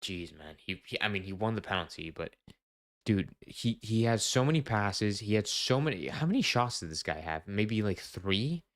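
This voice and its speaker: Young male podcast host, lowish voice, eager and rambling, full of ums and restarts. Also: animated, normal speed. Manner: rambling with many fillers and restarts; enthusiastic fan talk. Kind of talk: casual post-match soccer commentary.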